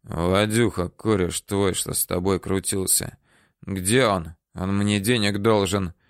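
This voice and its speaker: A man's voice: steady tone, smooth, dry recording, studio quality. A man doing a cold, menacing interrogator. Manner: curt, threatening, slow and low. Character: hard, menacing male surveyor interrogator. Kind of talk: audiobook character voice.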